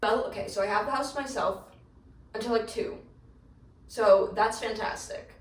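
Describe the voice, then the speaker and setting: A woman's voice: on the high side, moderate pace, distant mic. A teenage girl who is sick, chatting casually and rambling in a home vlog. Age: teens. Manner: chatty, rambling, self-deprecating. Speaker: vlogger. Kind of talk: casual vlog talk to camera. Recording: echoey room, voice from off mic, faint noise.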